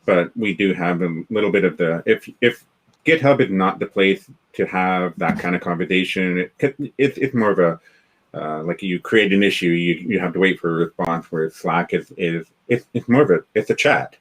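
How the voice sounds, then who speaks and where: A man's voice: sits low, normal speed, poor audio. A Canadian man talking as a guest on a video-call interview, rambling with many restarts and fillers. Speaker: guest, developer community founder. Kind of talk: casual interview chat.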